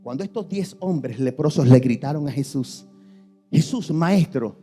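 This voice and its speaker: A man preaching a sermon to his congregation, swinging from shouts to near-whispers and speaking to listeners by name. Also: medium pitch, expressive, normal speed, faint music behind. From Puerto Rico. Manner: impassioned preaching, swinging between shouting and hushed tones; addresses the congregation directly, names listeners. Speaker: pastor. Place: church.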